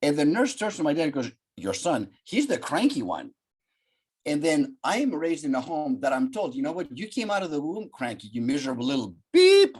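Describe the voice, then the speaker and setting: An older man from Greece, a psychologist guest telling a story on a video call from his home office, in an animated, gesturing way. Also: a little high, a little fast, breathy edge. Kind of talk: storytelling interview.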